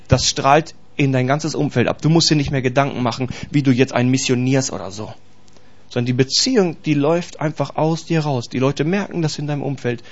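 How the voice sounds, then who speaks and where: A man's voice: medium pitch, a little fast, highs cut off. A man preaching a casual, slangy sermon, acting out little scenes as he talks. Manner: animated, acts out little scenes and voices.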